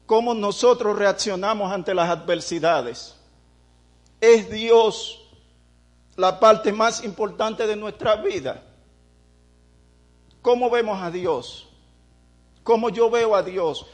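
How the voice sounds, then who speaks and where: A male preacher with a voice that sits high takes his impassioned sermon slowly, leaving long pauses, before swelling into loud prayers and asking the congregation rhetorical questions.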